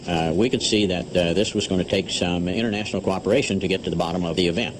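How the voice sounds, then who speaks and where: A man giving an unscripted documentary interview as an investigator, with hesitant, measured phrasing. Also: sits low. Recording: clear background noise.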